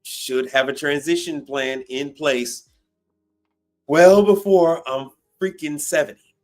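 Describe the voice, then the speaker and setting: A man's voice: a little high, slow, soft background music. A man in his fifties hosting a casual call-in live stream, blunt and profane, often repeating himself for emphasis. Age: 50s.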